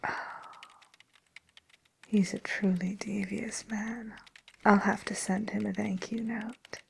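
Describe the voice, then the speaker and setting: A woman takes on the role of an attentive, polite receptionist at a fairy-tale dating agency in an ASMR piece, using a soft, breathy, hesitant whisper. Her pitch is medium and her tone level as she talks slowly, with a little hiss or hum in the audio.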